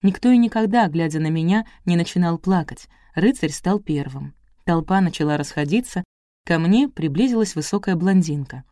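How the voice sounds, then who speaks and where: A woman narrating a novel as an audiobook, brisk and wry. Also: on the low side, lively intonation, mellow, dry recording, studio quality. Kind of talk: audiobook reading.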